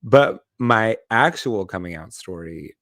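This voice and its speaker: A man's voice: fairly low pitch, animated, slow pace, fairly bright tone, dry recording, clean studio sound. A man from Los Angeles co-hosting a podcast, telling a personal story in a rambling way with lots of fillers and self-corrections. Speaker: podcast co-host. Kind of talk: casual chat, personal storytelling.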